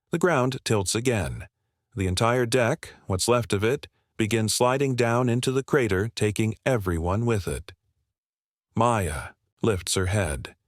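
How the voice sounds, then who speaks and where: A male narrator tells a disaster story in a measured, grave voice, unhurried and deliberate. His tone sits on the low side and the recording is dry and close, with no room sound. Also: no room sound. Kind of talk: scripted dramatic narration.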